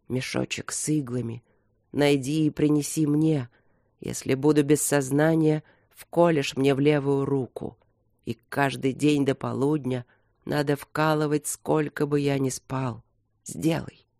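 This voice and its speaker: A narrator voicing an exhausted, wounded king who speaks in a hoarse, rasping whisper, weak and drifting in and out of consciousness. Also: mid-range voice, steady tone, takes it slowly, a little mellow, no room sound, clean studio sound. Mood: urgent.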